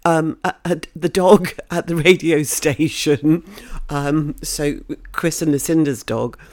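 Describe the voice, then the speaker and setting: Effusive slow-talking woman radio host. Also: low voice, steady tone, a little mellow. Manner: effusive, chatty, laughs often. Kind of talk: casual radio chat.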